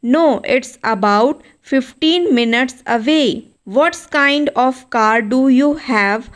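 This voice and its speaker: Slow, high-voiced woman teaching English. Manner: reads each sentence twice, slow and even. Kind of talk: slow beginner English drill reading.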